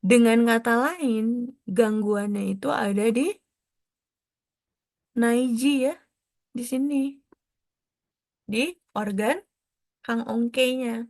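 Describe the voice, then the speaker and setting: A woman tutor giving an explanatory lesson, stepping through technical terms and glossing each one, with frequent soft tag questions. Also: fairly high pitch, slow, long pauses, dry recording, clean studio sound. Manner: explains step by step, drops in foreign technical terms and glosses them. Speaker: exam prep tutor.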